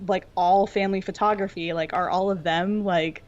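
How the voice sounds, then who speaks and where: A dull, lo-fi recording with slight background noise captures a woman with a mid-range voice speaking at normal speed in a steady tone. She chats casually like a podcast co-host unpacking a fan theory, her explanations informal and packed with "like".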